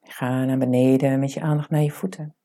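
A woman leading a guided meditation in a soft, breathy voice, giving calm, soothing instructions with unhurried pauses. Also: extremely low pitch.

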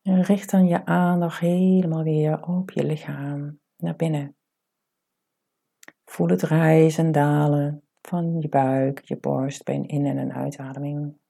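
A low-pitched female voice, soft and breathy, guides a meditation. She offers gentle, calming directions and lets long, unhurried pauses settle in.

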